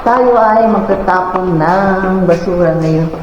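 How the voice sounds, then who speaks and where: A woman's voice: mid-range voice, slow pace. A woman from Pangasinan with a Pangasinan accent, chatting casually as a vlogger while she makes coffee and does chores at home. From Philippines, Pangasinan. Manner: chatty and rambling, narrating chores as she goes. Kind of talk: casual vlog narration. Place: home kitchen, indoors. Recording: roomy, dull lo-fi with faint noise.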